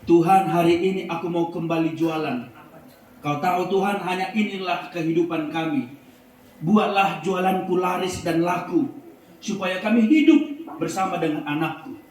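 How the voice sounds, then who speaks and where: A man's voice: sits high, moderate pace, voice pushed down, lightly acted. A man voicing a poor village mother who sells tofu and complains to God with pleading, indignant outbursts. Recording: echoey room, distant mic, faint noise.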